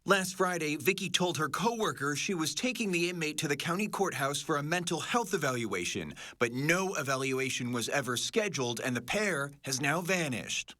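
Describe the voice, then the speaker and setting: A man's voice: a little high, animated, normal speed, hardly any pauses, sharp tone. A man with an American accent narrating a scripted television news report.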